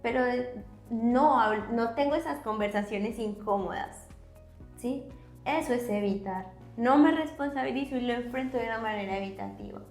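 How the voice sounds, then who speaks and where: A woman psychologist explaining concepts on a podcast, teacherly, often checking in with a quick question. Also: a little high, a little mellow, roomy sound, faint music behind. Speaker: psychologist guest.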